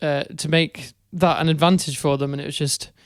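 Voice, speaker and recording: Young male podcast co-host, smooth resonant voice, dry sound, hesitant casual cricket chat. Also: a little high, fairly even intonation, normal speed, no room sound. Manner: thoughtful, hesitant with fillers.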